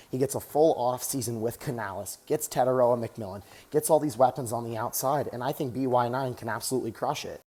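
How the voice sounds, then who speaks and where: A man's voice: medium pitch, mellow. An American man giving enthusiastic, casual sports commentary as a vlog host while working out on a treadmill. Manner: talking while exercising on a treadmill.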